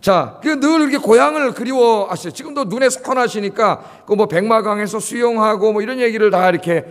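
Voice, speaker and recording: The church sanctuary's long reverb surrounds a high-pitched, fairly quick male voice. He is a pastor in his fifties from Seoul, South Korea, preaching casually and asking the congregation questions.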